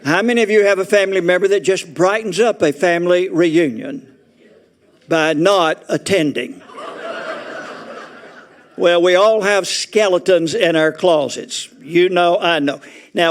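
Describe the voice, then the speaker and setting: A man's voice: high voice, normal speed. A man in his eighties with a Southern accent, a retired preacher giving a joking, folksy speech at a residents' meeting. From Arkansas. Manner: folksy joking storyteller, laughs through his lines. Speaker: retired Baptist preacher, guest speaker. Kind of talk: humorous after-dinner style speech. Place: meeting room at a retirement community.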